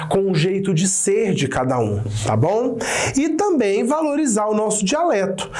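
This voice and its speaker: Calm teacher giving a video lesson. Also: male voice, sits high. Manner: calm, didactic, checks in with the class.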